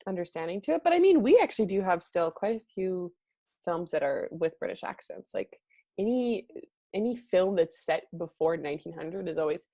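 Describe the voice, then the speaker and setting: Bubbly young woman with a lively voice. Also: lowish voice, moderate pace, no echo, studio quality. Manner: bubbly, laughs often. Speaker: podcast co-host. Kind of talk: casual chat.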